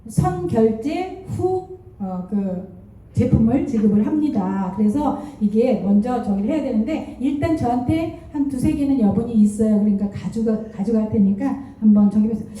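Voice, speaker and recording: A woman giving a motivational seminar talk as a network marketing distributor, telling stories with lively rhetorical questions. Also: a little high, moderate pace. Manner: animated storytelling with rhetorical questions. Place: lecture hall. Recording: echoey hall from far off.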